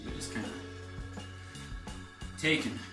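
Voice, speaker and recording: A man chats through his shave in a hard, echoing bathroom, joking and musing aloud as he goes. He sits back from the camera's mic, so his voice carries some distance and room sound. Faint music plays in the background. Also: slow pace. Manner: joking, rambling, thinks aloud while working. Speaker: vlogger demonstrating a shave. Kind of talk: casual how-to chat. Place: home bathroom.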